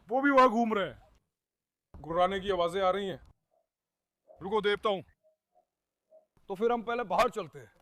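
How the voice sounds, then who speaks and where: A man's voice: high voice, fairly bright tone, no room sound. A man talking casually to his dogs and viewers on his farm, coaxing and scolding them and calling them son.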